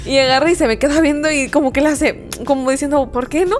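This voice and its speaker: A woman's voice: high voice, fast talker. A woman co-hosting a casual faith podcast, telling stories and acting out the dialogue. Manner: animated storyteller acting out quoted dialogue. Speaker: podcast co-host.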